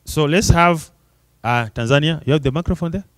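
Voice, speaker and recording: A man's voice: fairly high pitch, fairly quick, dry recording, clean studio sound. A man moderating an event session in an informal, conversational and encouraging way.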